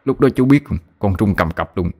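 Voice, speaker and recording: Brief: sly joking exorcist, low voice, playful; a man plays him. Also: expressive, a little fast, a little mellow. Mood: teasing. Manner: teasing, playfully mock-innocent.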